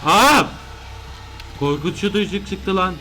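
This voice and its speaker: Excitable man yelling over a game. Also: on the high side, fairly quick, soft background music. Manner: excitable, yells and chants in panic when chased. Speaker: gameplay streamer. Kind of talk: live horror game commentary.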